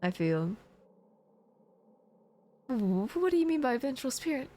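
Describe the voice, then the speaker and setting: A woman's voice: sits high, big pitch swings, measured pace, dark tone. A woman streaming a game, reading its text aloud expressively and adding casual commentary. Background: music.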